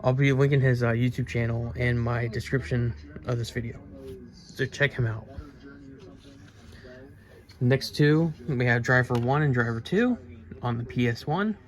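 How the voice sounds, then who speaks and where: A man's voice: mid-range voice, measured pace, pauses often. Rambling young-sounding man showing off game pickups. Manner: rambling, stumbles over words and restarts. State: stuffy from allergies. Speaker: game collecting channel host. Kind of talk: casual haul video, reading game back covers aloud.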